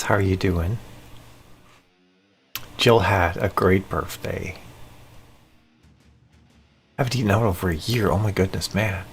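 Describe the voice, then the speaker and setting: A man hosting a live stream, chatting casually and greeting viewers by name as he answers their comments. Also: on the low side.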